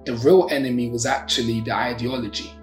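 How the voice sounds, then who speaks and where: A man with a South London accent tells a personal story reflectively, in articulate, deliberate speech with elevated vocabulary. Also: mid-range voice, fairly even intonation. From Brixton, South London. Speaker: social entrepreneur, activist and poet telling their story. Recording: roomy echo, music underneath. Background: music.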